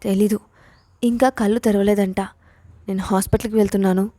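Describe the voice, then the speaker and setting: A woman voicing a gentle, troubled young college girl in an audio story, answering in soft, worried replies. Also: medium pitch, steady tone, fairly quick, dry recording, close to an everyday voice. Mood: distressed.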